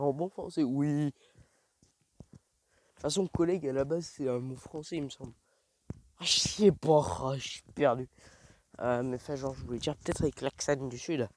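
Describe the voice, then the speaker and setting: A young man rambling in slangy, self-mocking talk while walking alone outdoors at night in a dark village, recorded on the phone he carries. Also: medium pitch, a little hiss or hum. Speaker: vlogger. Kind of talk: rambling casual vlog. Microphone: phone held while walking.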